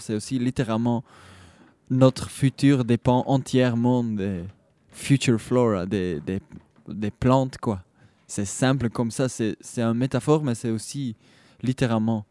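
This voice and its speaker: A Dutch-speaking Belgian man being interviewed as a guest, speaking French with a foreign Flemish accent and often pausing to search for words. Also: medium pitch, warm tone, dry recording. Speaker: musician guest, saxophonist and band leader. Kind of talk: conversational radio interview.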